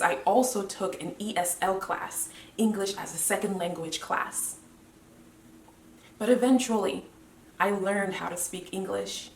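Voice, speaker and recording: A woman in her twenties from Cameroon, a medical student giving a measured, earnest motivational speech with deliberate pauses. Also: mid-range voice, distant mic, slight background noise. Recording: roomy echo, voice away from the mic.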